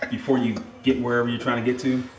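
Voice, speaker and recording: Man, easygoing guest taster, mid-pitched voice, distant from mic, echoey noisy kitchen. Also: fast. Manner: relaxed, joking, easygoing. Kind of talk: casual chat. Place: home kitchen, indoors. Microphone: far camera.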